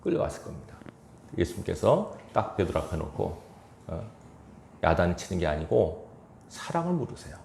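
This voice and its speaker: A male pastor with a gravelly, creaky voice preaches from the pulpit, telling his story with lively rises and falls in pitch. He acts out the voices of the people in the story and chuckles now and then. The sound carries through an echoey church sanctuary. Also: normal speed, pauses often, a little hiss or hum. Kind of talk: sermon.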